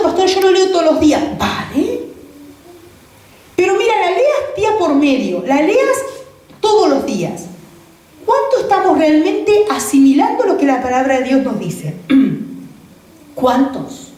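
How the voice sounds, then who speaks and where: A woman pastor delivers a sermon in a high voice, piling up repeated phrases and rhetorical questions. She sounds distant from the mic, and her voice rings around a very echoey church hall. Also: sing-song, slow, pauses often, warm tone. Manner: repetitive, rhetorical questions to the congregation.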